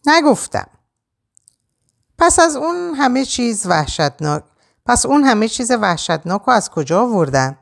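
A tense, weary heroine. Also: female voice, fairly high pitch, sing-song, vocal fry, pitched above the performer's own voice, heavily acted. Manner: tense, curt. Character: anxious, weary female heroine.

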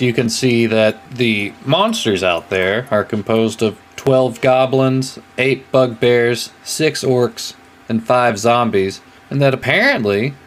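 A man's voice: medium pitch, slight background noise. A man narrating a tabletop role-playing game as game master in a casual style.

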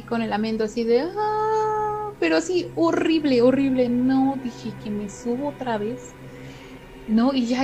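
A woman's voice: on the high side, a little mellow, rough recording. A middle-aged woman with a Mexican accent tells a story in casual chat and acts out the quoted dialogue in shifting voices.

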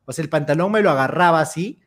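Young guy, slangy storyteller, slightly high voice, casual group chat. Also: fast talker.

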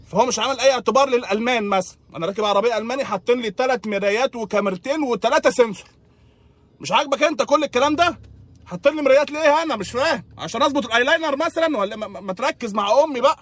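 A man's voice: very high voice, no echo. A man with an Egyptian accent, delivering a comedic monologue in an exasperated, sarcastic complaining tone. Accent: Egyptian Arabic.

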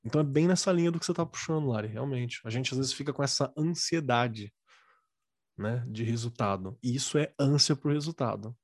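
Brazilian man hosting a book chat, rapid, dry close sound, jokey and animated. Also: mid-range voice, no room sound. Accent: Brazilian Portuguese. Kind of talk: casual group discussion.

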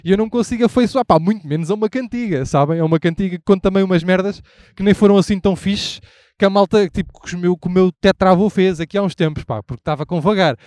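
A man's voice: high-pitched, fast, darkish tone, no room sound, studio quality. A young man with a European Portuguese accent hosting a podcast, rambling casually and irreverently while walking down a street with a handheld mic, swearing freely and trailing off into asides. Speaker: podcast host. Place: outdoors on a city street.

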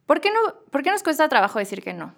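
A young adult woman with a Mexican Spanish accent talks through a casual podcast monologue. She is chatty and animated as a psychologist host. Her quoted dialogue jumps up in pitch. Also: fast, vocal fry.

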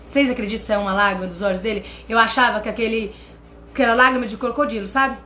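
A Brazilian woman with a Brazilian accent, hosting a channel and telling a personal story in an animated way, talking straight to her viewers. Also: on the high side, quick pace, a little hiss or hum. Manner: animated, addresses viewers directly. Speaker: channel host.

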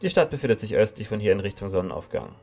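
Over soft background music, a man talks very fast in a lowish, sing-song, darkish voice. His character is a stern red-haired rebel woman of about thirty, armed and in control, whose tone is cool, firm, snippy, and commanding.

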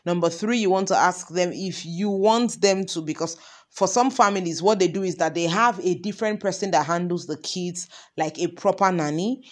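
A woman teaching an informal parenting lesson, talking conversationally with many example questions. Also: on the low side. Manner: conversational, asks many example questions, frequent ums and you knows.

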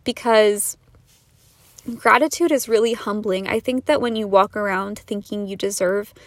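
A woman's voice: mid-range voice, normal speed, dry recording. A young woman hosting a podcast, talking earnestly and casually with lots of fillers, a little out of breath. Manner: earnest, chatty, fillers like "like" and "you know". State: a bit out of breath from talking fast. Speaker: podcast host. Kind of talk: casual solo podcast monologue.

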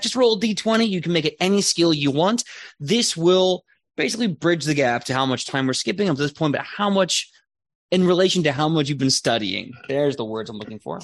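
A man's voice: a little high, dry recording. A man running a tabletop game as game master, narrating scene cuts in a playful manner. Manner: lively, playful, drawn-out exclamations.

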